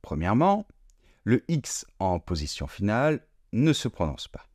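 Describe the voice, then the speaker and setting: A man teaching French pronunciation slowly and deliberately, drawing out sounds and repeating each word. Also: on the low side, very animated, a little mellow, no echo, clean studio sound. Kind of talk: slow, careful pronunciation lesson.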